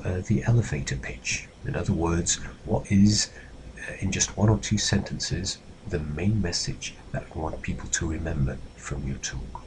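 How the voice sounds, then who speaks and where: A man lecturing in a measured, instructive way, pausing with fillers as he explains. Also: low-pitched, darkish tone, slight background noise, low-quality recording. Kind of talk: recorded lecture slidecast.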